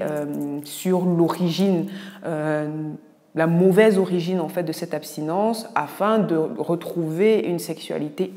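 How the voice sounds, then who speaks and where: A woman's voice: lowish voice, dark tone, big-room sound. A woman doctor from Cameroon with a Cameroonian French accent, answering viewer questions in a casual, frank and teasing way. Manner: frank, teasing, blunt asides. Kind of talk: casual video Q&A.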